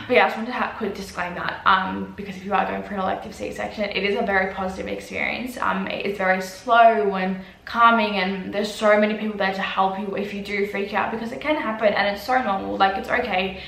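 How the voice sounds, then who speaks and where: Young woman, casual vlogger, mid-pitched, loose and sweary, recorded in a roomy space. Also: fairly even intonation, a little fast, gravelly, a bit bright. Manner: chatty, swears freely, many fillers. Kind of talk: casual storytime vlog. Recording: echoey room.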